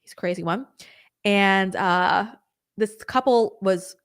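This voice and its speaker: A woman's voice: mid-range voice, slow. Chatty woman hosting a live stream. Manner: chatty, rambling, apologetic asides. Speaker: host of a political live stream. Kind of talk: casual live-stream chat reading viewer comments.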